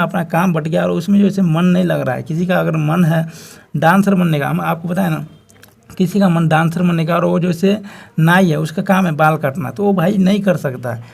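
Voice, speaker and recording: A man's voice: high voice, gravelly, a little mellow, breathy edge. A man with a Bihari Hindi accent teaching an exam-prep lesson, talking students through answers with constant filler phrases. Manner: repetitive filler phrase, addresses students as friends.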